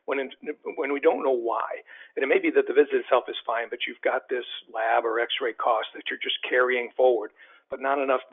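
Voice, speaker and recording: A man co-presenting a webinar, explaining in a measured way and repeating words as he goes. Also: mid-range voice, slightly rough. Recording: phone-like webinar audio.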